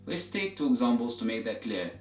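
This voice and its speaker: This language teacher's darkish, mid-range voice swings widely in pitch and runs a little fast as he explains step by step and repeats examples for learners. The recording is echoey from a distant mic, with music behind.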